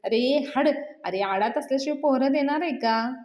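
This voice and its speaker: A woman's voice: on the high side, normal speed, a little mellow, close to an everyday voice. Woman retelling as a melodramatic old drinker. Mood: coaxing. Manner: melodramatic, coaxing. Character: old ailing man who begs for liquor.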